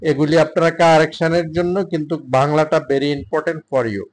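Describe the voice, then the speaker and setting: Bengali-accented man drilling English sentences. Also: on the high side. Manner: reads drill sentences in English then Bengali, steady and measured. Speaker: English teacher. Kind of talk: spoken English drill lesson.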